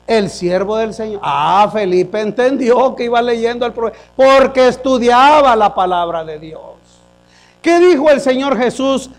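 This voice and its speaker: High-voiced man preaching a sermon. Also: unhurried. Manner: questions the congregation, often says hermanos. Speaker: pastor. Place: church service. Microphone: microphone.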